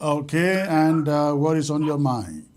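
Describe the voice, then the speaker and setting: A man's voice: fairly high pitch, unhurried, noisy background. A man hosting a call-in talk show, pressing his guest with the same question again and again.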